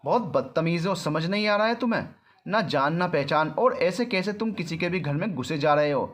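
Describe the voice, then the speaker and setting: A man's voice: fairly high pitch, animated, normal speed, a bit bright, voice pushed up. A man voicing a stern, protective middle-aged mother in a storybook reading, scolding and demanding answers. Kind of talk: storybook narration.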